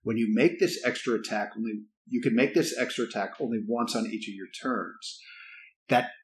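A man playing a tabletop game, asking rules questions in an easygoing, fairly quiet way. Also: medium pitch, moderate pace. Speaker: player. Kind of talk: casual tabletop game chat.

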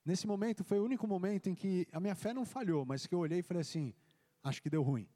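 A pastor tells his testimony at a church service, acting out the dialogue in an animated way as he goes. His voice is high-pitched and fast. The church hall gives the recording a long reverb.

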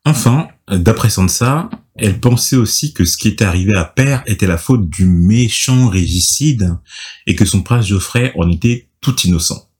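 A man's voice: lowish voice, expressive, moderate pace, a little mellow. A young man hosting a casual book discussion, summarizing chapters with many fillers and restarts. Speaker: podcast host reading and discussing a novel. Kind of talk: casual chat with read-aloud summary.

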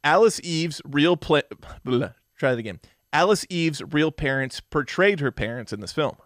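A man's voice: a little high, animated, moderate pace, a bit bright, dry recording, clean studio sound. A man co-hosting a podcast in casual chat, wry and rambling as he runs a trivia quiz. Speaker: podcast co-host.

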